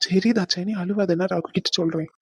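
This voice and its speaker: A patient young groom from a cartoon coaxes and soothes his bride, played by a woman. The voice is low and mellow and moves quickly. It is recorded dry and close. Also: fairly even intonation, slightly rough, no room sound. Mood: soothing. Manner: coaxing, placating. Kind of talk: cartoon voice acting.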